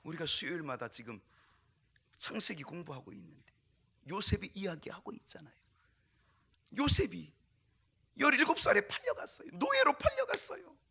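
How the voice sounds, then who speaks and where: A male pastor preaching a sermon in a church, emphatic and swinging from loud exclamations to near whispers. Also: high-pitched, vocal fry, husky. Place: church sanctuary.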